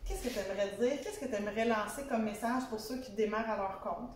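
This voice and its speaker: A woman's voice: fairly high pitch, fairly quick. A woman with a Québécois French accent conducting a casual conversational interview as a fellow interior designer. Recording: very echoey room, distant mic, faint noise.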